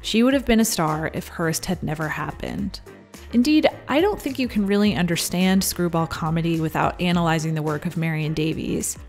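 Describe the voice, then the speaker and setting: A woman hosting a scripted video essay, talking it through conversationally with wry asides. Her voice sits low for a woman, and soft music plays underneath. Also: moderate pace. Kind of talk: scripted narration.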